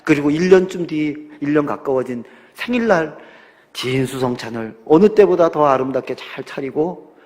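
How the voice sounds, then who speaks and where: Pastor guy preaching, kinda high voice, acts out the people in his story, drops to almost whispering, long echo in the hall. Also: animated, moderate pace. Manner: dramatic storytelling, acting out quoted parents and son; swings from loud exhortation to near-whisper. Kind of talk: sermon.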